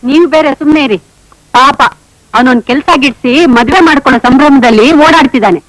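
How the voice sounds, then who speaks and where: A woman's voice: high-pitched, fast, no echo, natural voice, poor audio. A woman playing a kindly housewife. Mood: mild reproach. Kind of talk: 1980s Kannada film drama acting.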